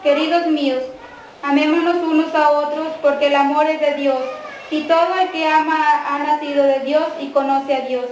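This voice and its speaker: A Mexican woman leading the prayers and readings at a mass, reciting in a measured, even way in a church. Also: high voice. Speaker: prayer leader at a quinceañera mass. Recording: echoey church from far off, faint noise.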